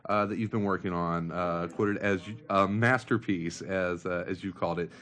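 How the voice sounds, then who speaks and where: A man hosting a podcast, reading out listener questions in a relaxed way with many fillers. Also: low-pitched, moderate pace. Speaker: podcast host. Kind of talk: casual podcast chat.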